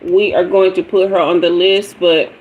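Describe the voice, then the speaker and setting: A tarot reader in her fifties speaks in a lowish, slightly mellow voice with flat delivery and moderate pace on her casual livestream. She chats playfully, greeting viewers and asking for emojis while drifting to and from the mic. The recording is muffled with slight background noise.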